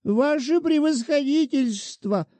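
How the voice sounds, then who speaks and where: A man voicing a shrill, wheedling old woman petitioner in a high falsetto. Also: lively intonation, slow, warm tone, dry recording, heavily acted. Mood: complaining.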